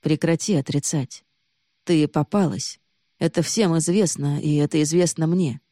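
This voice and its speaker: A woman reading the lines of a young man who is harsh and reproachful, then hushed and urgent. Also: deep voice, steady tone, normal speed, dry recording, studio quality. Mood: accusing. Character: young man, accusing, then desperately protective.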